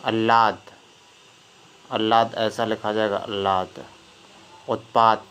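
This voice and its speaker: A man's voice: on the low side, flat delivery, takes it slowly, fairly bright tone, clean tone. A male teacher giving an exam-prep spelling lesson, repeating each word and quizzing his students. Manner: drills words by repeating them and quizzing students.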